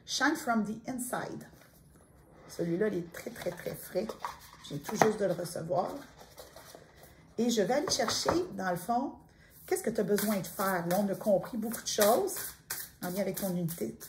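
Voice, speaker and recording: A middle-aged woman with a Quebec French accent giving a gentle, intimate spiritual card reading, speaking straight to the listener. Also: mid-range voice, a little hiss or hum. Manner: soft-spoken, intimate, addresses listener directly. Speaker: tarot card reader.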